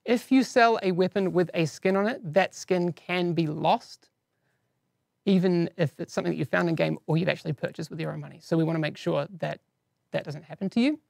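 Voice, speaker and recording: A man's voice: high-pitched, a little fast, creaky, darkish tone, dry recording, studio quality. A man with a non-standard English accent hosting a live game-news stream, giving casual updates with chatty, self-deprecating asides. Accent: non-standard English accent, teased by viewers.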